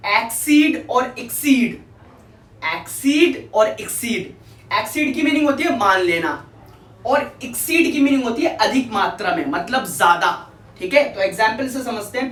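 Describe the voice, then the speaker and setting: A woman's voice: a little high, fairly bright tone. A woman teaching English vocabulary in a language lesson, patiently repeating words and checking that the listener follows. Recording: echoey room, voice from a distance.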